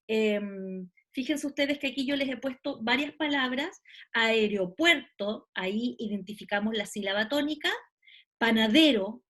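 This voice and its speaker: A woman's voice: a little high, fairly bright tone. A middle-aged woman giving a recorded online lecture, explaining step by step and often checking with her listeners. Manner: explanatory, with frequent checking tags. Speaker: university lecturer.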